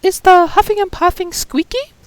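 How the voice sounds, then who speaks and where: A woman voicing a brisk, upbeat family doctor in a homemade animated drama, explaining in a bright, sing-song way. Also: extremely high pitch, pitched above the performer's own voice. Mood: cheerful. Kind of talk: amateur machinima voice acting.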